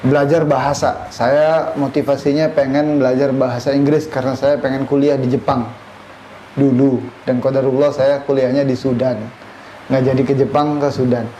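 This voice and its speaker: A man's voice: medium pitch, little pitch movement, moderate pace, mellow. A man from Indonesia in his thirties teaching a classroom lesson, quizzing his students and mixing Arabic phrases into his talk. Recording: echoey classroom, faint room noise.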